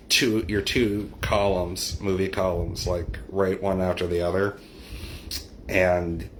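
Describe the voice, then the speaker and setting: Middle-aged male streamer, deep register, loose discursive chat to a live audience. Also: slight background noise. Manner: rambling, discursive. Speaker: livestream host and poet. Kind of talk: casual chat with live viewers.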